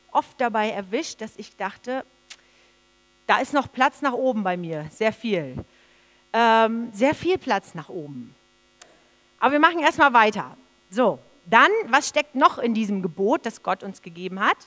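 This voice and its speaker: A woman's voice: on the high side, fairly bright tone. A woman preaching a sermon, earnest and emphatic, repeating phrases for stress.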